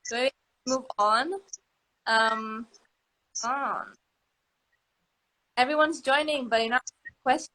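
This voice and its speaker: An upbeat woman with a bright, tense-edged voice hosts a live stream, reading questions from viewers. She keeps the session moving and her voice sits fairly high. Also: slow, pauses often, rough recording. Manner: upbeat, moves things along. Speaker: live Q&A host.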